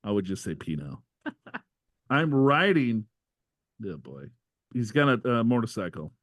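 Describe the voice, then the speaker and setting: A man's voice: lowish voice, very animated, unhurried, fairly bright tone, dry recording. Joking man reading listener letters. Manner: joking, reads letters aloud with asides. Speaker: co-host reading listener questions. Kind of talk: casual podcast banter.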